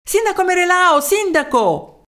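Excited village men calling out as they run up, breathless and shouting, as a woman reading a storybook puts them on. The voices jump high above the reader's usual pitch. The pitch swings widely. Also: unhurried, full character voice.

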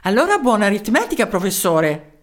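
A woman voicing a jolly male village mayor in a storybook, brisk and hearty. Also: medium pitch, very animated, lightly acted. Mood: kindly.

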